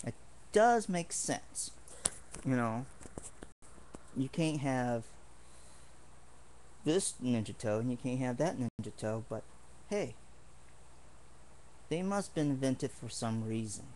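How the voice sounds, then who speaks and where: Slow, rambling earnest man. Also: medium pitch, expressive, darkish tone, a little hiss or hum. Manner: rambling, earnest, with many restarts. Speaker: martial arts hobbyist showing swords. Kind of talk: casual home video demonstration.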